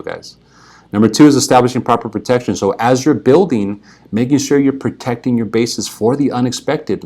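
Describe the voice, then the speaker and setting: Earnest, persuasive man, lowish voice. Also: creaky, a little mellow. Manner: earnest and persuasive, with frequent "right?" and "okay" check-ins. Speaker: financial advisor. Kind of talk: direct-to-camera explainer.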